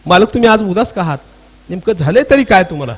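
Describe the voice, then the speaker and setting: A man voicing a devoted wife who gently coaxes her husband with questions. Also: high-pitched, lively intonation, quick pace, husky, pitched below the performer's own voice. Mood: concerned. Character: devoted, concerned wife of the king.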